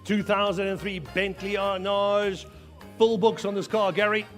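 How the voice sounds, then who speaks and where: A man's voice: high voice, level tone, measured pace, fairly bright tone, soft background music. A man working as an auctioneer, calling bids live in a repetitive chant of numbers and filler phrases.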